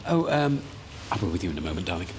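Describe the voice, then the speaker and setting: Earnest village vicar, echoey hall. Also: male voice, deep voice, big pitch swings, quick pace, noisy background. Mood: politely warm. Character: earnest, mild-mannered male village vicar, devoted husband. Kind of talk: naturalistic TV drama acting.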